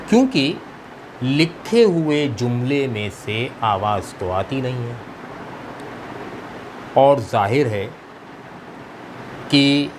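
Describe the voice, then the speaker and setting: Slow, deliberate male teacher in a noisy room. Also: medium pitch. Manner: slow, deliberate teaching with mixed Hindi-Urdu and English. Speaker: English teacher. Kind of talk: explanatory lesson.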